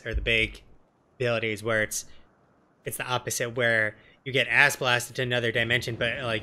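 Streaming from a room at home, a man in his thirties gives casual live game commentary as a let's player, colloquial and full of swearing. His medium-pitched voice sounds pushed and bright.

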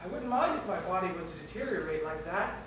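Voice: medium pitch, animated, fast talker, lightly acted. An actor plays an awkward nurse who rambles nervously while confessing love. The voice comes from far away in a very echoey theatre, with faint room noise behind. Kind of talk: stage play acting. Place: theatre stage.

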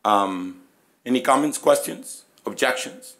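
Male presenter, middle-aged, raspy and losing his voice, halting conversational lecture delivery at a podium mic. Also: medium pitch, lively intonation, fairly bright tone. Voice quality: hoarse, raspy voice. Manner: halting, conversational, inviting questions. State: losing his voice, throat-clearing. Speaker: physics professor, presenter. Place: conference room, at a lectern. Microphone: gooseneck lectern microphone.

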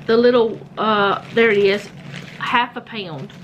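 A woman's voice: medium pitch, takes it slowly, fairly bright tone, dull audio, a little hiss or hum. A woman, chatting casually at home as she films with a handheld phone and shows household items, rambling and correcting herself as she goes. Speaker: home vlogger. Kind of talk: casual show-and-tell vlog. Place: home, indoors.

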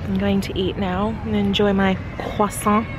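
A woman's voice: medium pitch, level tone, moderate pace, noisy background. A young woman in her twenties chatting bubbly and gushing to her camera while out in the city. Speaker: vlogger. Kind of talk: casual vlog chat. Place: outdoors in a city park and streets. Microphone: handheld compact camera.

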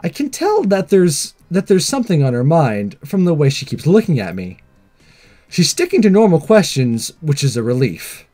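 A man hosts a gaming video as a narrated let's play, reading a visual novel aloud, chatting casually with viewers and signing off. His voice is warm and fairly high, with huge pitch swings, at a normal speed.

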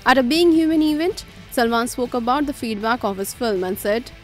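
Female entertainment news narrator, highish pitch, scripted read over a clear guitar music bed. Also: normal speed, a little mellow.

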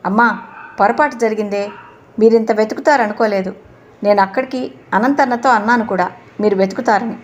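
A woman voicing a gentle young woman student, a soft, pleading daughter and sister, in an audio novel. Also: medium pitch, brisk, pauses often, slight background noise, close to an everyday voice.

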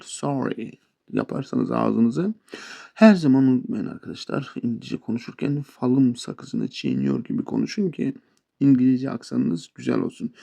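A man's voice: mid-range voice, creaky, dark tone, breathy edge. A man teaching a casual spoken language lesson, chatting to viewers as friends with playful asides. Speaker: English teacher.

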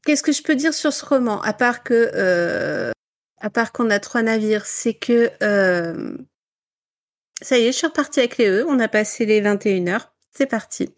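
A woman's voice: a little high, animated, normal speed. A woman talking casually in a book club, presenting a novel with many fillers and frequent laughter.

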